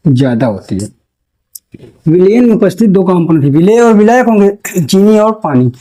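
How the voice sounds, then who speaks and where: A man teaching a chemistry lesson for board exams, posing questions to the class and answering them himself, repeating key terms slowly. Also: sits high, big pitch swings, mellow, rough recording. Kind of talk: classroom lecture for board exam.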